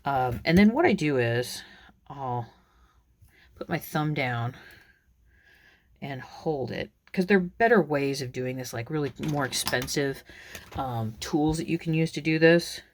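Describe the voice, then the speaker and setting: A woman's voice: sits low, animated, a little slow, long pauses, a little hiss or hum. Rambling woman demonstrating a craft. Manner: chatty and rambling, many ums and restarts, laughs at herself. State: has the hiccups. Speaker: craft video maker.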